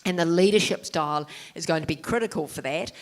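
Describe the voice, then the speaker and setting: A woman speaking as a candidate at a public forum, measured and occasionally pausing on fillers. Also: fairly low pitch. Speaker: mayoral candidate.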